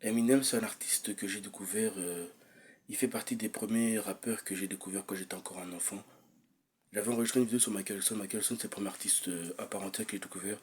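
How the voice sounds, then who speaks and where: A young man rambles through a personal vlog, hesitant, circling back with fillers and restarts. His voice sits a little low and has a husky edge. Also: fairly even intonation, quick pace. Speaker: vlogger.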